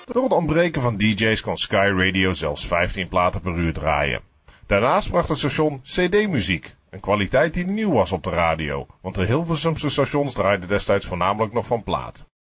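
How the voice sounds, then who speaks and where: A man narrating a scripted radio history documentary as a podcast, with a husky voice. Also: on the low side, very animated, moderate pace, fairly bright tone, no room sound, soft background music.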